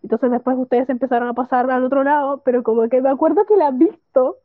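A young woman with a Chilean accent chatting casually with friends, animated and interjecting. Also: high-pitched, fast, no echo. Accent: Chilean Spanish. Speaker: co-host friend. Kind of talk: casual chat. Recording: tinny phone-like dry sound.

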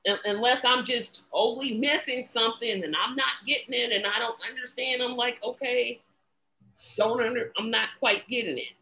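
A woman hosting a casual political talk show, talking in an animated way, often restarting her sentences and adding sarcastic asides. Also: fairly high pitch, a little fast, hardly any pauses, poor audio. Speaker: podcast host.

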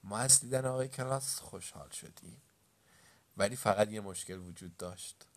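A male narrator reading a children's storybook with an animated delivery. His voice sits fairly low, and it gets louder for the story's shouts and surprises. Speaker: audiobook narrator.

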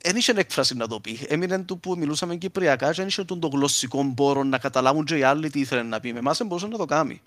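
A man's voice: a little high, few pauses, a bit bright, dry recording. A man with a Cypriot Greek accent explains things informally with examples, speaking in dialect and slipping in standard terms. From Cyprus. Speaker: linguist speaker.

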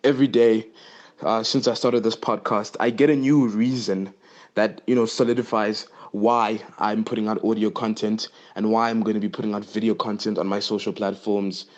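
A man's voice: lowish voice, flat delivery, normal speed, highs cut off. Breathless teen guy on a phone memo. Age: teenage. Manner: impulsive, rambling, explanatory. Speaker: podcast host. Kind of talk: casual podcast monologue. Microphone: phone voice note.

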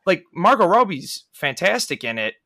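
A man's voice: sits high, big pitch swings, moderate pace, bright, forceful tone. A man hosting a podcast, talking casually and animatedly about films and quoting lines in little put-on voices. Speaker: podcast host. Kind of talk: casual film discussion.

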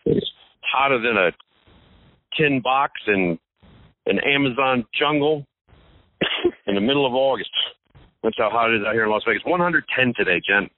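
Male regular co-host, mid-pitch, rambling and jokey with stammers, phone-line audio. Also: lively intonation, normal speed, pauses often, dry recording. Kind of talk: casual podcast chat. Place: Las Vegas hotel. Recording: tinny phone line, dry.

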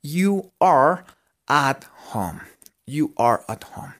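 A man's voice: fairly high pitch, sing-song, drawn-out words, a bit bright. A man with a Colombian accent giving a playful English lesson on local radio, spelling letters out and checking in with listeners.

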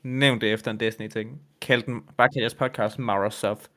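A man co-hosting a gaming podcast, reading story passages aloud and chatting casually, with fillers and the odd swear word. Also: on the low side. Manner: reads quotes flatly, chats with fillers and swearing. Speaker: podcast co-host reading game lore aloud. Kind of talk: casual chat and lore reading.

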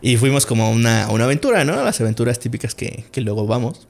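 A man's voice: medium pitch, expressive, fast, vocal fry, darkish tone. A man with a Mexican accent, a podcast guest telling a story in casual chat, rambling and slangy with lots of fillers.

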